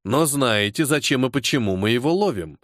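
A man's voice: mid-range voice, expressive, moderate pace, fairly bright tone, dry recording, studio quality, lightly acted. A man playing a seething, clipped army major. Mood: restrained anger. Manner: clipped, restrained anger, caustic. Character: angry disciplined male major, forty-two, hot-tempered.

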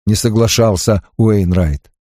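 A man narrating a novel as an audiobook in an expressive, measured reading. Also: fairly low pitch, no room sound, clean studio sound.

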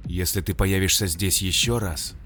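A man voicing a huge mutated man turned monster, slow and growling. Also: sits low, steady tone, fairly bright tone, soft background music. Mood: menacing.

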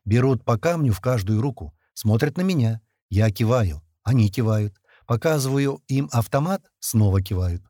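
A man narrating an action story in first person, voicing the shouted lines of the characters himself. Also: medium pitch, no room sound, clean studio sound. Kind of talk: audiobook narration with acted dialogue.

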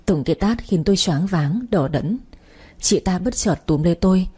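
A woman's voice: lowish voice, animated, normal speed, dark tone, husky. A woman narrating a first-person dramatic story with emotional delivery.

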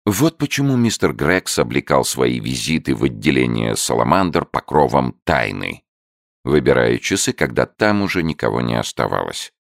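A man narrating an audiobook in a measured, expressive reading. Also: extremely low pitch, creaky, no echo, clean studio sound.

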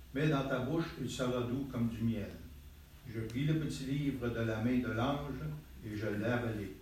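A man's voice: mid-range voice, a little mellow. Man reading scripture in echoing hall. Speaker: Bible study participant reading scripture. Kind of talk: reading a Bible passage aloud. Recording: heavy room echo, mic far off.

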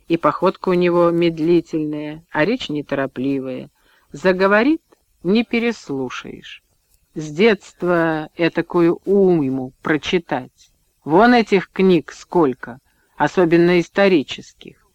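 A man narrating an audiobook in a measured, even reading, in a dull, dry recording. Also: fairly high pitch, dry recording. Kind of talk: scripted narration.

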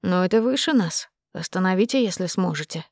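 A woman's voice: mid-range voice, brisk, darkish tone, no room sound, studio quality, lightly acted. A woman voicing a charming, sly, flirtatious male lord in an audiobook, with a purring, playful manner. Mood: strained. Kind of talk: audiobook character reading.

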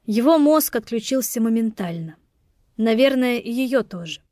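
A woman narrating an audiobook in a steady, expressive reading. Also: a little high, normal speed, dry recording, studio quality. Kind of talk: scripted narration.

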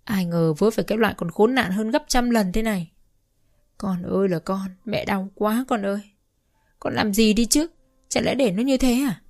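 A woman voicing a scolding old mother-in-law who wails and shrieks complaints loudly. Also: medium pitch, normal speed, natural voice. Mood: wailing. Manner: loud, wailing, shrieking complaints.

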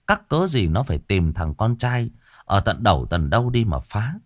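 A man telling a horror story in a dramatic, animated way. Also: lowish voice, normal speed, dry recording, clean studio sound.

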